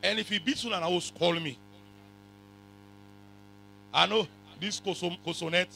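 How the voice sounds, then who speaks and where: West african guy preaching in church, high raspy voice, keeps repeating and asking the congregation stuff, faint music and hum behind. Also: normal speed, poor audio. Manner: forceful, repeats phrases, questions the congregation. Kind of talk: animated sermon, code-switching into pidgin. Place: church hall full of congregation.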